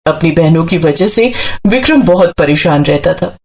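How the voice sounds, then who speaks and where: A woman's voice: deep voice, lively intonation, normal speed, a little mellow, slight background noise. Woman narrating a scripted story.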